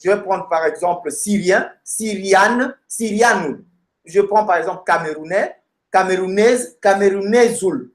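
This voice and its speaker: A man teaching a language lesson from a textbook, addressing the student directly and pausing with fillers as he searches the pages and repeats word endings. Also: sits high, reverberant. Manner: halting, many fillers and repeated words while searching pages. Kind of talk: recorded lesson, talking through a textbook.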